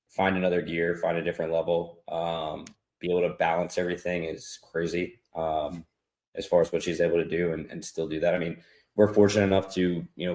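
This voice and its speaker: Deep-voiced man in a roomy space. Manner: relaxed, reflective, many fillers. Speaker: podcast guest. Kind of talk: casual chat.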